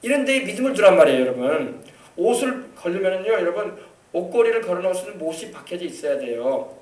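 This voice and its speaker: A man's voice: sits high, big pitch swings, fast talker. A male pastor preaching an emphatic sermon, drawing call-and-response from the congregation. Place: church sanctuary. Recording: echoey hall, mic far off.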